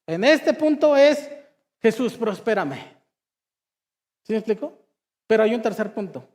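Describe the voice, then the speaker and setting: A man preaching a lively, humorous sermon, calling on the congregation to answer and repeat after him. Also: high voice, measured pace, in a large hall. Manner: call-and-response, asks the crowd to repeat; humorous storytelling with asides. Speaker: pastor. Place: church hall.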